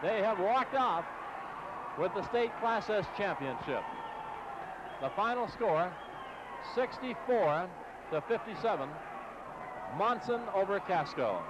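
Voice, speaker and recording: This high-pitched American man does radio play-by-play of a live basketball game on a 1960s AM broadcast, seated courtside in a large exposition hall. His intonation is lively, yet he goes slowly and pauses often, using clipped, running phrases amid background noise.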